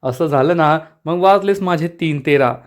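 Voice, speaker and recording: एक पुरुष मत्सरी, कुरकुरणाऱ्या स्त्रीचे मनातले विचार वाचतो. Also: male voice, a little high, normal speed, close to an everyday voice. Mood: grumbling. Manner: grumbling, muttering thoughts. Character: jealous sour middle-aged woman.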